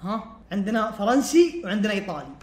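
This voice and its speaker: A man commentating his own football video game play, swinging from muttering to shouting and laughing. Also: high voice, sing-song, fast talker, background noise. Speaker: gaming streamer. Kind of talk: casual gameplay commentary. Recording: roomy sound with loud game music.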